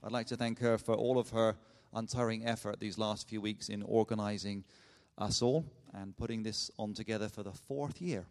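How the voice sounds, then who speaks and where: A man's voice: fairly low pitch, steady tone, moderate pace. A man giving church announcements to a congregation, hesitant with many filler sounds and light humor. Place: church sanctuary. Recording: echoey church hall.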